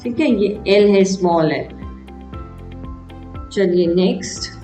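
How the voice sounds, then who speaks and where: Woman teacher spelling words out slowly. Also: medium pitch, mellow. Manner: spells words out letter by letter, asks and answers own questions. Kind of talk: English grammar lesson for young children. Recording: echoey room, voice from a distance, faint music.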